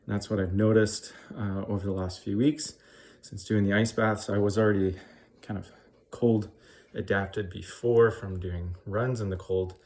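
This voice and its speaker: A man talking casually to his vlog, hesitant and halting, shivering after time in ice cold water. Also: lowish voice, steady tone, darkish tone. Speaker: vlogger.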